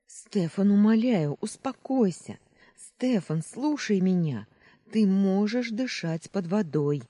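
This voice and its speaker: A woman narrator voicing a caring, determined young woman who urgently pleads and gives calming commands in a storybook reading. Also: mid-range voice, slow, no echo, studio quality, pitched above the performer's own voice. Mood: desperate pleading.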